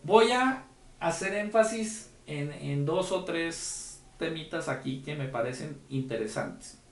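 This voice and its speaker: A man's voice: a little high, animated, takes it slowly, roomy sound. A man giving a conference lecture on tax rules, explaining step by step and often checking in with the audience. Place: conference room.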